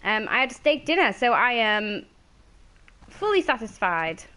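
A woman's voice: fairly high pitch, sing-song, a little slow, sharp tone. A woman streaming a game, chatting casually, greeting viewers by name and laughing easily.

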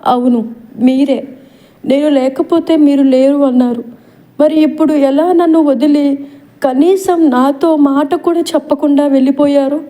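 A woman's voice: high-pitched, fairly even intonation, normal speed, mellow, voice pushed up, lightly acted. A woman voicing a tearful pleading young woman. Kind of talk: audiobook role reading.

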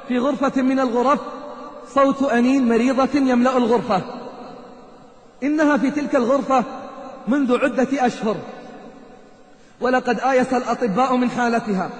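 A male preacher telling a moving story in a sermon, speaking emotionally and addressing his listeners directly. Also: very high-pitched. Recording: echoey hall.

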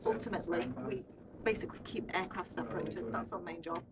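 Captured by a handheld camera a short way off, this young female air traffic controller explains the indoor radar room to visitors over loud background noise. Her voice is on the low side and slightly quick, and she keeps checking understanding with frequent tag questions in an informal, explanatory way.

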